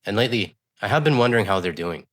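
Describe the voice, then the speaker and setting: Fast-talking congested man, low voice. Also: animated, fairly bright tone. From West Coast of Canada. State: congested from a cold. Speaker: news commentary channel host. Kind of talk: casual commentary.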